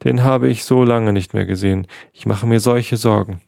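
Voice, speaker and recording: A man's voice: on the low side, steady tone, normal speed, gravelly, mellow, no echo, clean studio sound. A man voicing a worried, motherly female squirrel in a bedtime story, fussing fretfully.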